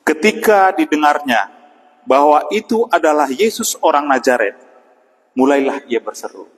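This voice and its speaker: A man with a fairly high, animated voice preaches an evening devotional. He speaks unhurriedly, pausing often and saying "ya" a lot, and the recording has a long hall reverb.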